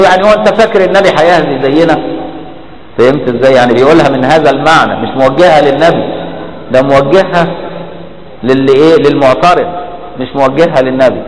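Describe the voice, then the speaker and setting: A man's voice: medium pitch, quick pace. A man with an Egyptian Arabic accent teaching a classical religious text in a colloquial lecture, often asking his listeners rhetorical questions to check they follow. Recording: echoey hall reverb, faint background noise.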